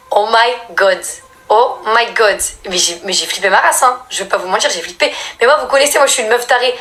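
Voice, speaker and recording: Young woman from France, casual storyteller, slangy, animated, swings into high loud bursts. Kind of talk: casual scary-story telling. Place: at home doing makeup.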